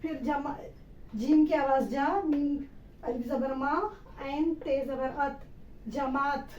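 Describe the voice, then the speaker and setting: A woman's voice: high voice, level tone, slow pace, darkish tone, reverberant, lo-fi sound, slight background noise. A woman teaching an Urdu spelling lesson, patiently sounding out each letter and syllable.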